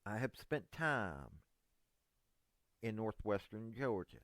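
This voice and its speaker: A political commentator in his fifties from East Tennessee, with a Southern accent, speaks straight to camera in a folksy, meandering, earnest monologue addressed to a politician. His fairly low, slightly bright voice swings widely in pitch and moves slowly, in a studio-quality recording with no room sound.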